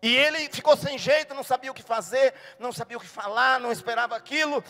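A male pastor preaching a dramatic, animated sermon in a church. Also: very high voice, fast, faint music behind. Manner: animated, dramatic storytelling with sudden shouts.

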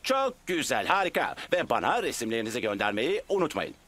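A man's voice: mid-range voice, wildly swooping pitch, a little fast, heavy background noise. A man voicing a cheerful celebrity potato who presents a children's cartoon fitness show in an emphatic, showy way. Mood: enthusiastic. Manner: exuberant, emphatic, showy delivery.

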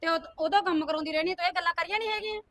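A woman's voice: very high-pitched, rapid-fire, a bit bright, no echo. An actress playing a domineering, scolding woman who accuses a widow and orders her out. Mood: accusing. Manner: accusing, commanding. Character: harsh scolding sister-in-law, domineering. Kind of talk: village short-film drama.

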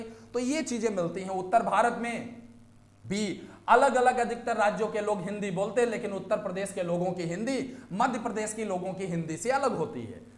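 High-voiced male teacher, echoey room. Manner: explains step by step, often checks with "ठीक है". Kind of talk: exam-prep lecture.

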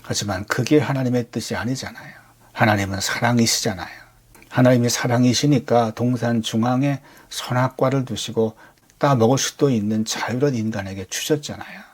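A man's voice: medium pitch, normal speed, breathy edge. A man preaching a Sunday sermon as a pastor, talking conversationally and firing off rhetorical questions.

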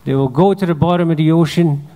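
A man's voice: fairly high pitch, mellow, natural voice. A man telling of the Creator, solemn and wise. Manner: measured storytelling cadence. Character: the male Creator, a wise deciding spirit. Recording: long hall reverb.

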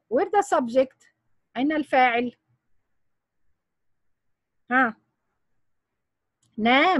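A woman's voice: fairly high pitch, a bit bright, husky, no echo. A woman teaching grammar in English, quizzing her students with repeated questions. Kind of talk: online grammar lesson.

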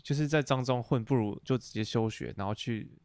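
A man's voice: mid-range voice, a little fast, darkish tone, dry recording, studio quality. A young man from Taiwan hosting a podcast, asking blunt, teasing questions in a casual interview chat. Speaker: podcast host.

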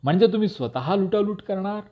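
A man's voice: high voice, lively intonation, fast talker, voice pushed up. A man voicing an irritable male government officer who answers in a curt, snapping official tone, on a dull lo-fi recording. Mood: uneasy. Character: irritable male district officer, haughty then cowed.

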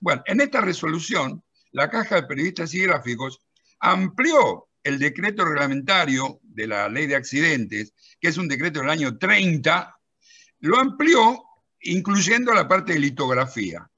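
A middle-aged man with a Rioplatense Spanish accent, animatedly demonstrating software on a video call while telling an anecdote and directing a helper at the screen. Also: a little high, sing-song, normal speed, slightly rough, highs cut off. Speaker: presenter of a pension-law software and magazine.

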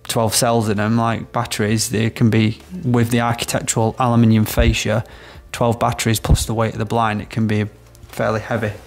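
A man's voice: on the low side, monotone, moderate pace, few pauses, soft background music. A man in his thirties, an electrician, talking through a job step by step while demonstrating in a house. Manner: practical, explaining step by step. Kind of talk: on-site product demonstration. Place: house interior, small room.

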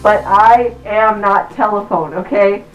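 A young-sounding woman talks from inside a fursuit head, her voice muffled by the mask. She rambles in a loose, chatty way, leaning on "like" as she goes. The room rings with echo, and soft music plays behind her. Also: medium pitch, unhurried. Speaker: co-host. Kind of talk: casual Q&A chat. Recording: echoey room with faint music.

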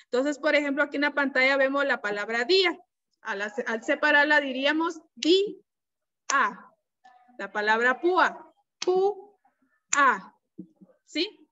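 A woman teacher giving an online class, explaining slowly and patiently and checking often that her students follow. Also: sits high, pushed and bright. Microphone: computer mic on a video call. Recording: dull, lo-fi video-call audio.

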